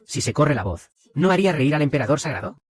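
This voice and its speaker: Man reading imperious empress, lively pitch, quick delivery, storybook recap. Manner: commanding, haughty. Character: proud ancient female empress, imperious.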